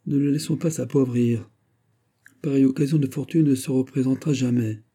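A man voicing a middle-aged queen mother who speaks urgently and pleadingly, in a husky voice. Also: medium pitch, steady tone, brisk, mellow, voice pushed up, natural voice.

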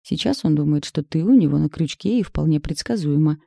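A woman's voice: sits low, lively intonation, brisk, vocal fry, mellow, dry recording, studio quality, full character voice. A woman voicing a shrewd middle-aged mother who teases and pushes her daughter, lifting her voice a little for the part. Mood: coaxing. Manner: wry, knowing, pushy.

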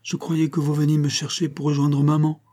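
A young boy, earnest and lonely, speaks with eager childish pleading, voiced by a man. The voice sits high and bright for him, lifted well above a grown man's register. It is a storybook read aloud, the child's lines set off from the narration. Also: fairly quick, lightly acted. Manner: raised childlike pitch, pleading and lively.

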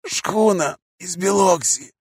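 A man voicing a frightened male captive who wheezes and croaks his answers in short, clipped bursts. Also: high voice, slow pace, dry recording, clean studio sound, voice pushed up, full character voice. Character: hoarse, frightened male captive under interrogation.

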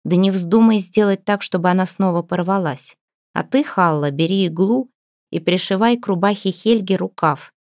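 A woman's voice: mid-range voice, normal speed, a little mellow, no room sound, studio quality, natural voice. A woman voicing a stern young village healer who gives firm orders.

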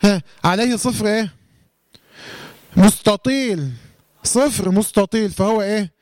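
A man with an Egyptian accent teaching a Quran recitation lesson. He asks questions and answers them himself, and draws out recited words slowly. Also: high voice, steady tone, darkish tone, no echo, studio quality. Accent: Egyptian Arabic. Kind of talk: classroom tajweed lesson.

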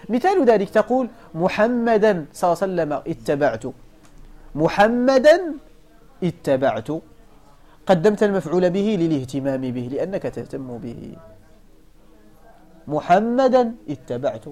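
With a warm tone, a voice that sits high, and big swings in pitch, a Moroccan sheikh with a Moroccan Arabic accent explains a classical rhetoric and grammar text step by step. He repeats examples slowly and asks his students questions back.

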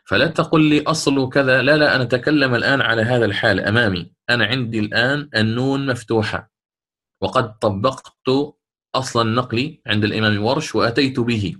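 A male teacher gives a methodical lesson on recitation rules. He repeats key points and breaks into short chanted examples. His voice sits at an ordinary middle pitch. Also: fast, sharp tone. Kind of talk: lecture on Quranic reading rules.

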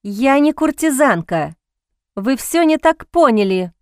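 A defiant young heroine, as a woman reading an audiobook plays her, snapping back in a clear, fairly high voice. The sound is smooth and close with no room around it. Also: big pitch swings, unhurried, dry recording. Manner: defiant, hissing.

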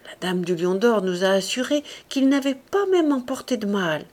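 A woman reading the lines of an eager, gossiping spinster in an audiobook, brisk and insistent. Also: medium pitch, expressive, a little mellow, lightly acted.

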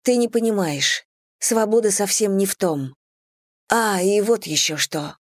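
A woman voicing an impatient, stubborn young woman, lifting her voice higher and sounding agitated. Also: lively intonation, measured pace, dry recording, studio quality. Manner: higher, agitated, insistent delivery.

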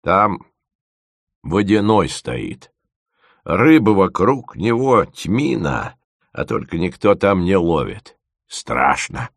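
A man voicing a crafty, boastful old village fisherman who drawls in a slow, folksy way. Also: low voice, sing-song, vocal fry, dry recording, clean studio sound, full character voice. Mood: drawling, folksy.

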